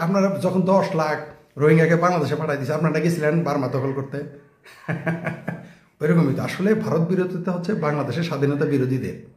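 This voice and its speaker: Male commentator, scornful rhetorical style, slightly raised pitch. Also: roomy sound. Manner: sarcastic, mocking, rhetorical questions. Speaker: political commentator. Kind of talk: casual ranting political monologue.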